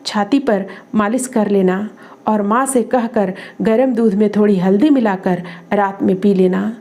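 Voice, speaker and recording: Brief: woman narrator voicing a tart, scolding young woman, mellow tone, story reading. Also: mid-range voice, unhurried, close to an everyday voice. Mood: concerned. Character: young woman, sharp-tongued and teasing.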